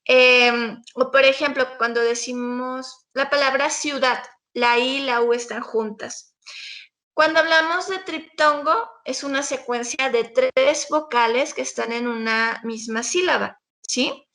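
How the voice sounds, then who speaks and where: High, bright-voiced woman teaching. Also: a little slow. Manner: patient, explanatory, checks in with frequent "¿sí?". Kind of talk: online exam-prep lecture.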